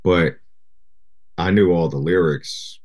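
A middle-aged man from Japan, a guest rapper, chatting in an interview in a relaxed, rambling way full of "you know". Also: deep voice, slow pace. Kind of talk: casual interview chat.

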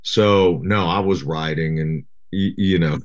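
A middle-aged man from Japan, a guest rapper, chatting in an interview in a relaxed, rambling way full of "you know". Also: deep voice, unhurried. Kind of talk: casual interview chat.

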